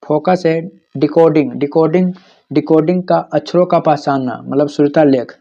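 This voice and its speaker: A man lectures for an exam, saying each key term again and again, then asking the class a question and answering it himself. His voice sits fairly high but sounds mellow and soft-edged. The recording is dull and lo-fi. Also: normal speed. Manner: repeats key terms for drilling, asks and answers his own questions. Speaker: teacher.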